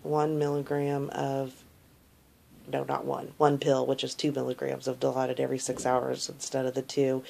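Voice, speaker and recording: A vlogger in her thirties, recovering from tonsil surgery, gives a low-key video diary update from bed in a small indoor room, phone held out at arm's length. Her sore-throated voice is gravelly, creaky and darkish. She talks in a monotone at normal speed.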